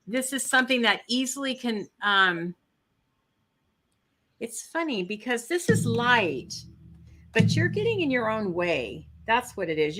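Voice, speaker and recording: A woman's voice: a little high, pushed and bright. A woman giving a chatty, encouraging spiritual card reading with asides and fillers, while she has the hiccups. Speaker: intuitive card reader.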